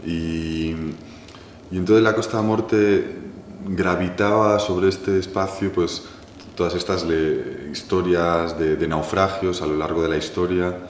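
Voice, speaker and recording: A man from Galicia, a filmmaker answering an interview slowly, pausing often and adding "¿no?" to his thoughts. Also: low-pitched, slight background noise. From Galicia, Spain. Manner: thoughtful, many pauses, restarts and "¿no?" tags. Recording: echoey room with faint ambience.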